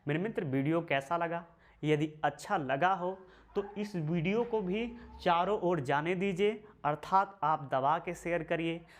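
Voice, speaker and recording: A man teaching a history lesson for exam preparation, repeating key phrases slowly and calling viewers his brothers and friends. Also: fairly high pitch. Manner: slow, repeats phrases for emphasis.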